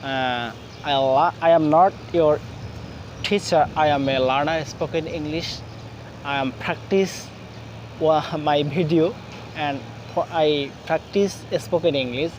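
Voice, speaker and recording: A man gives a spoken English lesson in a slightly high voice. He talks slowly and haltingly, with fillers, and drills spellings over and over. Faint traffic noise from outdoors sits behind him. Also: fairly even intonation. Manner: quick, repetitive drilling of spellings in Bengali. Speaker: spoken English teacher and channel founder. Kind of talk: language lesson mixing Bengali and English.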